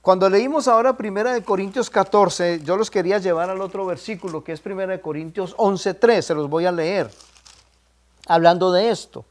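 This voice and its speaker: A man's voice: sits high, moderate pace. A man teaching a Bible class, stressing his points by repeating them and prompting listeners with questions. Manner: emphatic, repeats key points.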